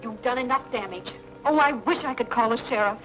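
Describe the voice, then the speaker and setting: An actress playing a banker's young daughter, sharp and wary with intruders. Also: female voice, on the high side, fairly quick, lightly acted. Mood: indignant. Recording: dull old TV soundtrack with music.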